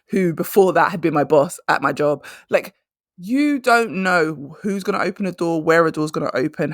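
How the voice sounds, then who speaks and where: A woman's voice: sits low, no echo, clean studio sound. A woman, hosting a motivational career podcast and speaking emphatically, repeating her key phrases. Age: 30s. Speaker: career coach and podcast host.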